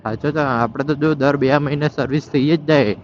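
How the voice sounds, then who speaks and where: A man's voice: fairly high pitch, fairly even intonation, normal speed. A man giving casual running commentary while riding through city traffic, scolding wrong-side drivers and slipping into Hindi phrases. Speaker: vlogger riding a motorbike. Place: on a motorbike in city traffic outdoors. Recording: dull lo-fi audio with faint traffic noise.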